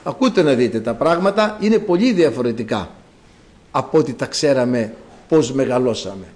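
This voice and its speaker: A man preaching a sermon, speaking straight to his congregation in an animated, fervent way. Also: mid-range voice.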